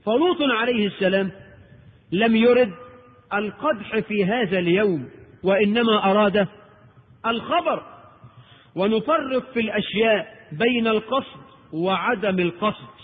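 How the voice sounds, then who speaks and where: Egyptian man preaching, high voice, husky, rhetorical questions, phone-thin old tape in a big echoing hall. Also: normal speed, long pauses, phone-quality sound. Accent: Egyptian Arabic. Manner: animated and rhetorical, asks and answers his own questions. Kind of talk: recorded Islamic lecture.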